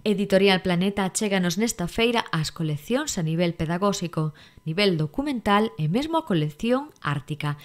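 A woman news reporter delivering scripted news narration in an even, measured way. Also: medium pitch.

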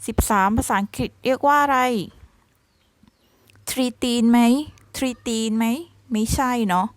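A woman teaching English numbers to young students, slowly spelling each word letter by letter and using polite particles. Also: fairly high pitch, dry recording. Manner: slow, spells words letter by letter. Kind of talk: slow number drill lesson. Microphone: phone screen recording.

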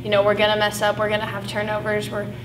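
A woman's voice: mid-range voice, completely flat delivery, fast talker. A young woman, a college basketball player, giving composed, matter-of-fact post-game answers. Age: young adult. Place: indoor press conference room. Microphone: table mic from a distance. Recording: echoey room with hum, distant mic.

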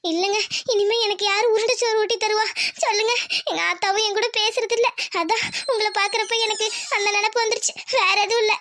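Woman doing a soft weepy young cartoon wife, super high squeaky voice. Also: steady tone. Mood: tearful, apologetic. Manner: soft, apologetic, quick to cry. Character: young village wife, tender and tearful. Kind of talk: Tamil cartoon voice acting.

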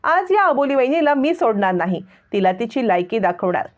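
A woman's voice: fairly high pitch, big pitch swings, normal speed. Woman voicing a spiteful taunting young woman. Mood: angry. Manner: taunting, scornful. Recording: lo-fi recording.

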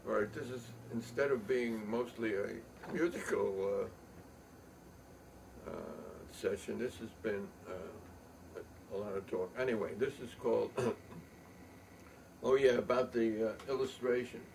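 An older man telling a story in a rambling, halting way, with many pauses and fillers. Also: on the low side, steady tone, vocal fry, a little mellow. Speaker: show host. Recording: distant mic with faint room noise.

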